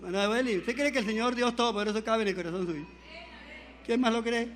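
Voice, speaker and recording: Man, preacher, Pentecostal sermon, fervent, very high-pitched, call-and-response with the congregation. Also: fast, noisy background. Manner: fervent, swings from quiet pleading to shouting; calls on the congregation for amens.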